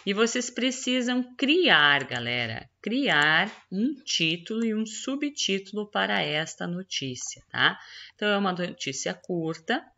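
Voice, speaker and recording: A woman teacher with a Brazilian Portuguese accent, going through the answers to a school exercise and slowing down to spell out each word. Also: medium pitch, lively intonation, bright, forceful tone, dull audio. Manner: explanatory, stretches words slowly while spelling out answers. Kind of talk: correcting a school exercise on screen.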